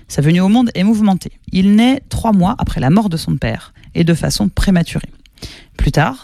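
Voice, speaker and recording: A man's voice: sits high, darkish tone, no room sound. A man presenting a radio programme in scripted narration.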